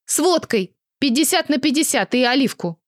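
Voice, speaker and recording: Woman reader as an excitable, touchy young woman, high-pitched, dry sound. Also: dry recording. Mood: outraged. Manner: excitable, emotional, quick to take offence. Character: tipsy indignant young woman, dramatic and touchy.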